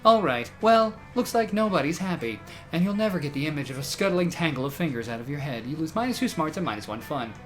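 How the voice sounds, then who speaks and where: A man's voice: on the high side, lively intonation, fast, faint music behind. A man hosting and narrating a comedic game, moving between scripted narration and casual asides.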